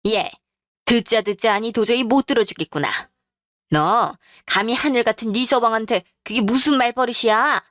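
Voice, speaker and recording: A woman's voice: fairly high pitch, normal speed, a bit bright, dry recording, clean studio sound, close to an everyday voice. A woman voicing a domineering older mother-in-law who scolds harshly and commands. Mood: scolding.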